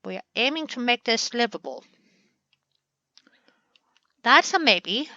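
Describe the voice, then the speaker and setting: A woman talks slowly and playfully as she builds in a game, coaxing the pieces into place. Her voice sits a little high and sounds bright. The recording is dry and slightly muffled. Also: lively intonation, no room sound. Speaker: gaming channel host. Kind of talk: chatty build commentary.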